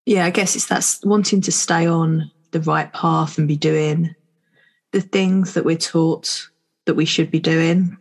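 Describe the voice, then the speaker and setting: A woman with a low, deep-set voice co-hosts a podcast. She thinks aloud in an easygoing chat and keeps turning her thoughts into questions. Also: fairly even intonation, a little slow, darkish tone. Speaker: podcast co-host. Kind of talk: reflective casual chat.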